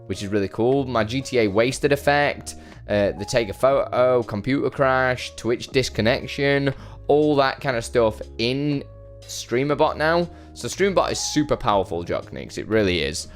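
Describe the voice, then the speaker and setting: A man's voice: medium pitch, expressive, moderate pace, soft background music. A man chatting casually on a live stream, rambling and self-deprecating as he greets viewers by name and answers their questions. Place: his brother's home.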